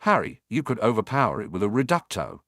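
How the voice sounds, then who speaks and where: A man voicing a clever, bossy teenage girl witch who speaks in measured tones, in a fan audiobook. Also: lowish voice, sing-song, fairly bright tone, dry recording, studio quality. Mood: explaining. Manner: measured, retorting.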